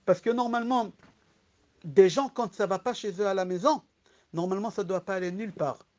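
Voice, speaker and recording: A rabbi teaching a class, his voice sitting high for a man and carrying a slight lisp. He tells his lesson as lively stories, throws rhetorical questions at the room and slips into the voices of the people he quotes. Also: fairly quick.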